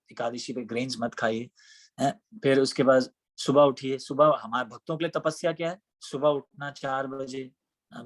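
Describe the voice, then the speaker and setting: A man giving a devotional scripture class in a conversational way, often asking rhetorical questions. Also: medium pitch. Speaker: scripture teacher.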